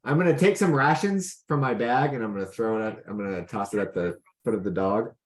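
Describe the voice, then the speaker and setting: A man's voice: lowish voice, a little fast. A man chatting and improvising as a player in a tabletop role-playing game. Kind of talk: casual improvised game chat.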